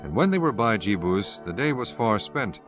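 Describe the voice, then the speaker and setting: A man with a lowish voice reads scripture from a script at a normal pace, solemn and formal yet very animated. Quiet music plays beneath him.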